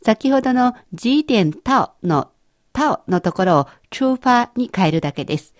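A woman teaching a language lesson in a clear, encouraging way, explaining step by step. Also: on the high side, animated, a little slow, no echo, clean studio sound.

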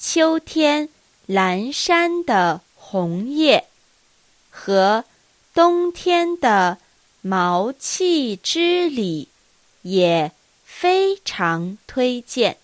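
A woman teaching a language lesson, reading dialogue lines with careful, deliberate enunciation. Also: a little high, very animated, no room sound.

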